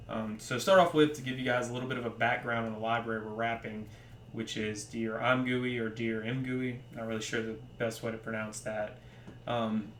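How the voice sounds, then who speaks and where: Casual young man with a gravelly voice. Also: medium pitch. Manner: relaxed, many ums and trailing pauses. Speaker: software library developer. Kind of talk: casual screen-recorded tutorial. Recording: roomy echo with faint hum.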